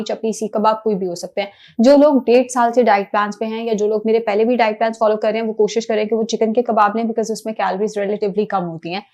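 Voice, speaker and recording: A woman's voice: on the high side, darkish tone. A woman giving plain, step-by-step diet instructions, with English words mixed in. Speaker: diet planner.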